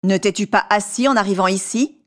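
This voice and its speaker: A woman's voice: medium pitch, fairly quick, close to an everyday voice. Woman reading as a giant old genie, stern, relentless, merciless, storybook.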